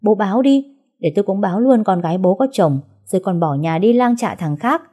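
Brief: raging, threatening young husband, read by a woman, dark husky tone. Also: mid-range voice, animated, brisk, lightly acted. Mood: mocking. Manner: loud, rough and threatening. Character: violent angry young husband shouting.

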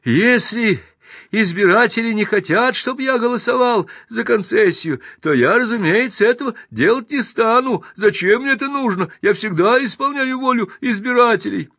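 A man voicing a flustered middle-aged alderman who protests in a high, shouting voice before an angry crowd. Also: lively intonation, moderate pace, dry recording, clean studio sound, full character voice. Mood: frantic protest.

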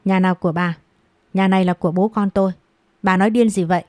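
A woman's voice: mid-range voice, steady tone, fast talker, darkish tone, dry recording, natural voice. A woman voicing a wronged young woman who answers back in a choked, defiant voice. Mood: hurt defiance.

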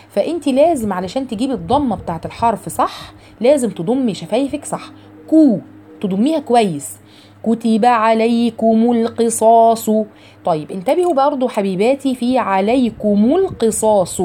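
A woman with an Egyptian accent teaching a recitation lesson to a group of women. She chants verses in a slow, drawn-out way, then breaks into chatty explanation, repeats model sounds and quizzes her listeners. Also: mid-range voice, warm tone, slight background noise. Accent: Egyptian Arabic.

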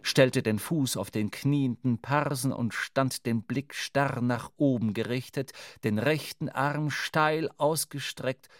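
A man's voice: medium pitch, dry recording. Dry-voiced male radio drama narrator. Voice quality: measured, vivid storytelling.

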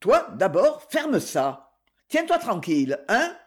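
A reader voicing a brutish, burly man from a bar who talks gruffly and threatens in an audiobook. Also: medium pitch, wildly swooping pitch, slow. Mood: threatening. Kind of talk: audiobook reading.

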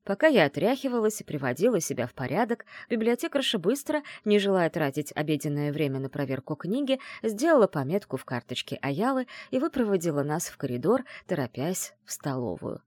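A woman's voice: on the low side, big pitch swings, fairly quick, few pauses, darkish tone, no echo, studio quality. A woman reading a first-person fantasy novel aloud, telling the story expressively. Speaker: audiobook reader. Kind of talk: first-person fiction narration.

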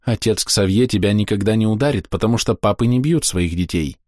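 Male narrator doing a level-headed young woman, firm and steady, storybook read. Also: on the low side, fairly quick, no room sound, studio quality, close to an everyday voice. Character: calm, stern young woman traveler.

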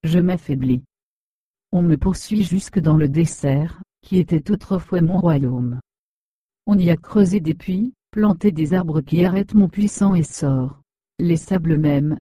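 A woman's voice: fairly low pitch, mellow, no echo. A woman reading the part of a proud, bitter desert wind spirit that mourns its lost power, in lofty storybook speech.

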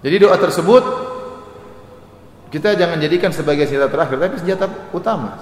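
A man preaching a sermon to an audience in a lecture hall, animated and quick, mimicking overdone prayers in a sing-song voice. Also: on the high side. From Indonesia. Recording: echoey hall, long reverb, faint noise.

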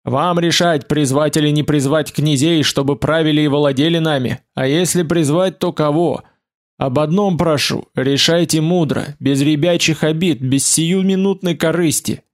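A man voicing a weary elder ruler who addresses a city assembly in a solemn, measured way, within an audiobook reading. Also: a little high, natural voice.

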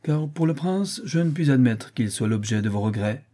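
A man's voice: animated, normal speed, dark tone, natural voice. A man reading aloud voicing a haughty, furious old noblewoman who speaks with crushing scorn. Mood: scornful. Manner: scornful, shrill when enraged.

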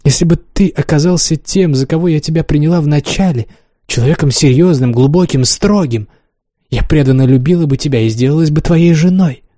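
A scornful young noblewoman with an imperious, coolly commanding way of speaking, as a male reader puts her on. Her tone is dark and mellow. The recording is dry and close. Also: on the high side, a little fast, no echo, natural voice. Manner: taunting, haughty, coolly commanding. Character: imperious cruel young noblewoman, mocking and cold. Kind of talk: audiobook reading.

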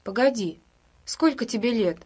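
A woman doing a hushed young village woman. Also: fairly high pitch, lively intonation, moderate pace, slightly rough, voice pushed up. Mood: rueful. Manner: soft, hushed and coaxing. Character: warm, lonely village woman of 23.

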